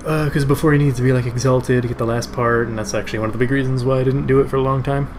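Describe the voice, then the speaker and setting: A man livestreaming a game in casual, rambling and halting chat. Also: mid-range voice, fairly even intonation. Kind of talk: casual stream chat over gameplay. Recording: game music, fan noise behind. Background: game music and a fan.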